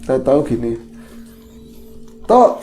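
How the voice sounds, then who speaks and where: A mellow-voiced horror podcast co-host, spinning a ghost story in relaxed chat. The talk is lively, and quoted characters pop out in a raised voice. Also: medium pitch, a little slow, faint music behind.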